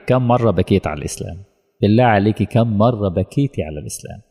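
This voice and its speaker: A man's voice: deep voice, mellow. A man with an Egyptian Arabic accent delivering an emotional, pleading sermon as a preacher. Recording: long hall reverb.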